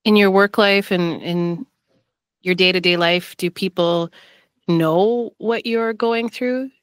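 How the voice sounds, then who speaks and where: A young woman hosts a radio interview from a small padded studio, her low voice smooth and resonant on a close studio mic. The sound is dry, with no room echo. She asks calm, gentle questions. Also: slow. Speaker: radio host. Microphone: studio microphone with headphones.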